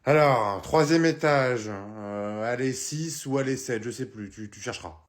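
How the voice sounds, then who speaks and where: A man's voice: mid-range voice, unhurried, slight background noise, voice pushed down, close to an everyday voice. A man playing a rude, impatient librarian in a comic sketch, snapping curt orders. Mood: irritated.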